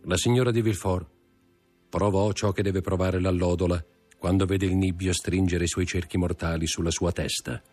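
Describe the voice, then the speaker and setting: A man giving measured, dramatic audiobook narration. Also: deep voice, fairly even intonation, darkish tone, faint music behind.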